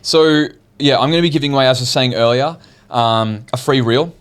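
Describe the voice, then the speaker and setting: A man's voice: medium pitch, fairly quick, clear, resonant tone. A man speaking as a guest on a podcast, casual and enthusiastic as he explains a giveaway. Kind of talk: casual chat.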